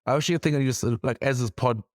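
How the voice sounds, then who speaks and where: A South African man talks very fast and excitedly, tripping over his own restarts as he gushes. His voice is close and dry, with no room sound. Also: mid-range voice, no room sound. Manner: excitable, gushing, stumbling restarts. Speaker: podcast co-host. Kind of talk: casual chat.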